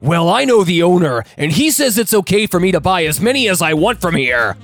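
The story narrator voicing a pushy, irritated father who answers with slow, grumbling retorts. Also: medium pitch, big pitch swings, soft background music.

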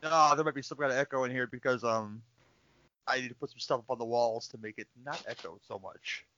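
A man's voice: mid-range voice, fairly quick, bright, forceful tone, lo-fi sound, slight background noise. A man on a remote call in casual chat, blunt and swearing freely, his voice sounding like it comes from inside an echoing tunnel. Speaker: online watch-party participant.

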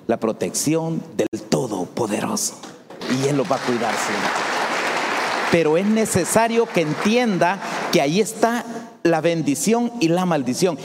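A man's voice: mid-range voice, long reverb tail, a little hiss or hum. A man preaching a sermon as a pastor. He speaks straight to his congregation with rising emphasis.

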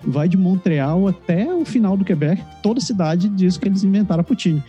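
Teasing host tossing out questions, voice jumps around a lot, soft warm sound. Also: mid-range voice, animated, fairly quick, husky, faint music behind. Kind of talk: casual chat.

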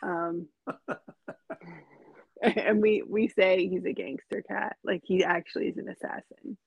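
A woman's voice: lowish voice, steady tone, takes it slowly, gravelly, slightly rough, dry recording. A woman chatting casually as a podcast guest, heard through dull, lo-fi audio. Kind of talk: casual chat. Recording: dull, lo-fi remote-sounding audio.

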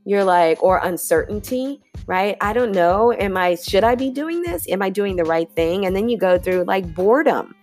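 A woman's voice: lowish voice, a little mellow. A woman hosting a podcast, talking reflectively and conversationally to listeners, often checking in with "right?" and "y'all.". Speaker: podcast host and yoga teacher. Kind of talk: reflective solo podcast talk.

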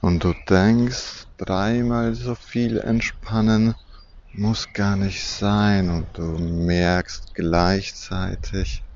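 A man guiding a deep relaxation and sleep journey in a soft, soothing, hypnotic manner with long pauses. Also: fairly even intonation. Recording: dull muffled recording with background noise.

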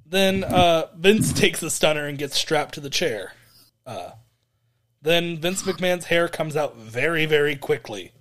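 A man's voice: fairly high pitch, lively intonation, measured pace, fairly bright tone. A man co-hosting a podcast, recapping a wrestling event in a rambling, hesitant way with frequent laughs. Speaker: podcast co-host.

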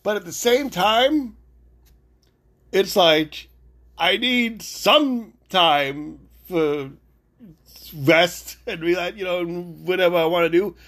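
Loud, rambling male podcast host. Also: high voice, takes it slowly. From Italian heritage. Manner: loud, rambling, self-interrupting, excitable. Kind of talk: solo podcast rant.

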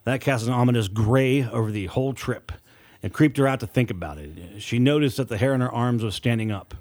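Medium in pitch and a little mellow, this male narrator delivers a horror audiobook from a script, telling it dramatically and deliberately with weighted pauses.

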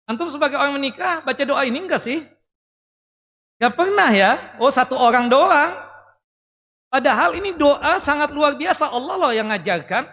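Guy preaching a sermon, lively, joking, bright voice, big echoey hall. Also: extremely high pitch, normal speed, long pauses. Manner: lively, talks directly to the audience, jokes and asks questions. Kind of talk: Islamic sermon. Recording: long reverb in a hall.

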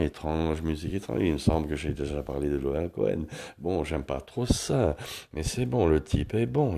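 A man's voice: rumbling low, creaky, warm tone. A man with a French accent giving a rambling, self-mocking tour of his small bedroom apartment as a vlogger. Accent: French from France. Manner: wandering, musing, self-mocking. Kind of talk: rambling room-tour monologue.

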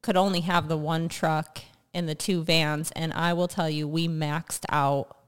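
Casting: American female podcast co-host, lowish voice, casual chat, big hall echo. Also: little pitch movement, unhurried, smooth. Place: indoors in an unfurnished house. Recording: echoey empty room, hall-like reverb.

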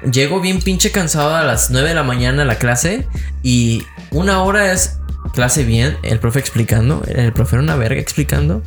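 A man's voice: mid-range voice, expressive, moderate pace. A young man with a Mexican accent talking casually, blunt and full of profanity and street slang as he rants. His voice sits mid-range, and faint music runs behind him. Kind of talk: casual chat. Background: background music.

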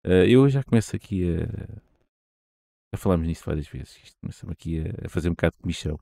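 Casually discussing the games industry as a podcast co-host, a man with a European Portuguese accent rambles, uses slang and frequently restarts his sentences. His deep, creaky, mellow voice is animated and quick, with no echo on the recording.

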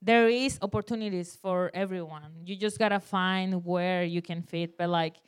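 A woman's voice: lowish voice, steady tone, moderate pace, smooth. A woman, a native Spanish speaker, talking casually as a panel guest and telling anecdotes in non-native, Spanglish-tinged English. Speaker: panel guest, skateboard photographer.

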